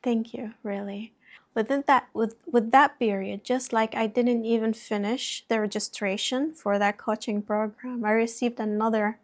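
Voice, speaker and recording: A woman vlogger slowly telling a personal story in reflective, heartfelt non-native English. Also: on the high side, steady tone.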